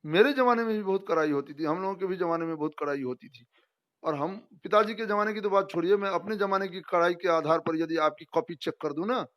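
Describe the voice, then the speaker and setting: A man's voice: sits high, fast, muffled recording. A middle-aged male teacher giving a spoken grammar lesson, emphatic and full of rhetorical questions, acting out example sentences.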